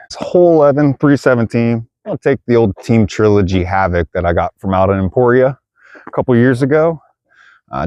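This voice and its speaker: A man's voice: lowish voice, a little mellow, no room sound, highs cut off. Breathless man narrating a disc golf round. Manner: chatty, addresses viewers as guys. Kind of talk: casual play-by-play narration. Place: outdoor wooded disc golf course.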